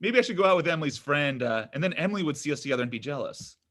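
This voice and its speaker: At a comedy table read, a man plays a needy, whiny, self-dramatizing thirty-four-year-old son who is sulky, exasperated, and argumentative. His voice sits on the high side, expressive and fairly bright, and he races through his lines.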